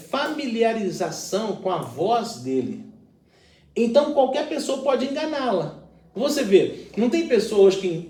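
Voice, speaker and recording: Earnest pastor with a high lively voice. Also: male voice, echoey room, far from the mic. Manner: earnest, explanatory, uses everyday examples. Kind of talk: conversational Bible reflection.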